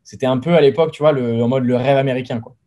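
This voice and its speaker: A mellow young French entrepreneur in his 20s from the Paris region chats as a guest in a casual video-call interview, relaxed and full of fillers and restarts. His medium-pitched voice runs very fast. He's indoors in a bedroom with framed pictures, on a webcam mic with a little hiss or hum.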